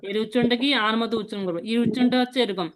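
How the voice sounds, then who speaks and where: A woman's voice: fairly high pitch, very fast, no room sound, rough recording. A woman teaching a beginner language class, patiently repeating sounds and drilling her students.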